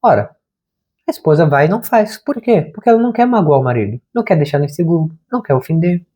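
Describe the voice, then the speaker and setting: A man's voice: on the high side, lively intonation, quick pace, mellow. A man, a therapist and channel host, giving an informal spiritual talk to camera in a slangy, conversational way. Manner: informal and conversational, slangy, says "cara" often.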